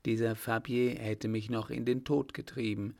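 A man voicing a shy, frightened young woman in a read-aloud novel, speaking gently and pleadingly. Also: mid-range voice, steady tone, normal speed, vocal fry, natural voice. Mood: earnest.

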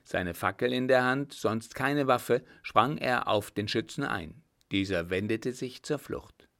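A man reading a historical adventure novel aloud in a steady, measured narration. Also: mid-range voice. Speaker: audiobook reader. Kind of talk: scripted narration.

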